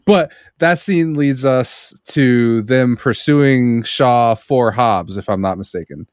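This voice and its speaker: Excitable man in casual podcast chat. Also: medium pitch, takes it slowly, dry recording, studio quality. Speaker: podcast co-host. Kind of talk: casual film discussion.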